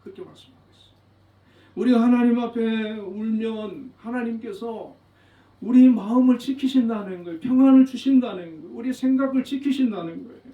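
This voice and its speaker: Korean pastor preaching in a roomy sanctuary. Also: male voice, very high-pitched, fairly quick. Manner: earnest, emphatic preaching with repeated phrases. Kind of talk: sermon. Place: church sanctuary. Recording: roomy, distant, dull church recording.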